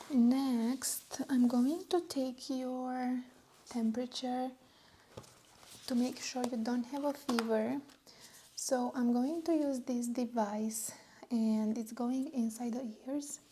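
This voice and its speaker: A woman whispers through a calm medical exam roleplay. Her voice is soft, breathy and mellow, slightly high, and she moves slowly and reassuringly. A faint hiss sits under the close-mic recording. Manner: slow, gentle and reassuring. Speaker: ASMR roleplay nurse.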